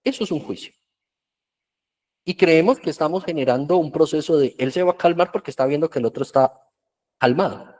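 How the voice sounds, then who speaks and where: A man's voice: fairly high pitch, a little fast, pauses often, a little mellow. A man giving a virtual workshop talk on children's emotions, in an earnest, explanatory way. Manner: earnest, explanatory, acts out parents' scolding in quotes.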